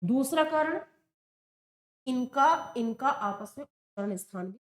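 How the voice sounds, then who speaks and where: A woman teacher explains grammar at an unhurried pace, pausing to ask questions and then answer them herself. Her voice sits high. It rings in an echoey classroom. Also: expressive. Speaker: Sanskrit teacher. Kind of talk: exam-prep lesson at a board.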